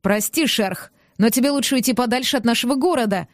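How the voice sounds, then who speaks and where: A stubborn town mayor speaks in a stern, dismissive way, voiced by a woman narrator with a fairly high voice. The recording is dry and close. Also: fast, dry recording, natural voice. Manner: grumbling, dismissive. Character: stubborn grumbling middle-aged male town mayor.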